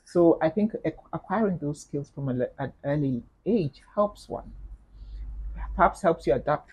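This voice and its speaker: Middle-aged kenyan woman on an interview, husky mellow voice, slow and thoughtful, lots of ums. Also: sits low, animated, low-quality recording. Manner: measured, thoughtful, with frequent fillers and repeated words. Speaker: interview guest, UN official. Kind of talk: reflective interview conversation.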